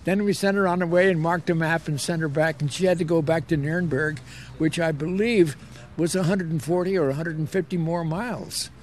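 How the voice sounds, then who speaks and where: A man's voice: a little high, fairly quick, darkish tone, a little hiss or hum. An elderly American man, an old war veteran, remembering his service in an interview, telling it unhurriedly and repeating words for emphasis. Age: 80s or older. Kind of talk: reminiscing in an interview.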